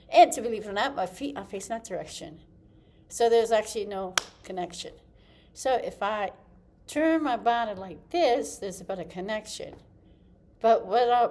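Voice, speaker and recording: A woman's voice: mid-range voice, a little mellow. A woman giving a casual acting lesson to camera, chatty and loose, often restarting her sentences as she demonstrates. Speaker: acting teacher.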